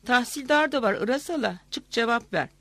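A woman's voice: fairly high pitch, expressive, brisk, a bit bright, dry recording. A woman voicing a plain, coaxing male village watchman in a storybook reading.

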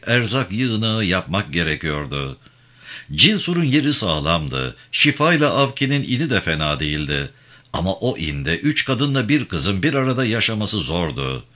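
A man reading a novel aloud, telling the story in a measured way with vivid emphasis. His voice is very low yet bright and forceful. His pitch moves a lot as he narrates. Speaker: audiobook narrator.

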